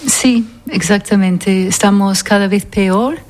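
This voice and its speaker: A woman from Scotland who founded and directs an NGO, answering interview questions in an earnest, thoughtful way, pausing to find words. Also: mid-range voice.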